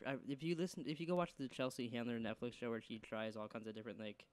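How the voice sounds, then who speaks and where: A man's voice: medium pitch, quick pace, smooth. A man co-hosting a casual bedroom podcast, joking, rambling, swearing and laughing often. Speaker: podcast co-host. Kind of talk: casual chat.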